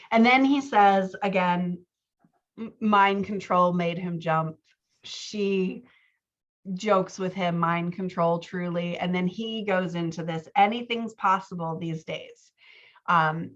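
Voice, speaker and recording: Taking her time, a writing coach and podcast host talks through a manuscript in a conversational critique, with a lowish voice and lo-fi sound. She explains as she thinks aloud, frequently tagging her points with "right?".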